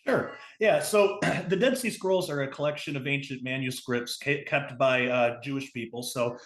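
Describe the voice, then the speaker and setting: A male guest answers interview questions in a relaxed way at a middle pitch. He stumbles a little as he explains, and his voice rings in an echoey room. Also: normal speed. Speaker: guest author and filmmaker.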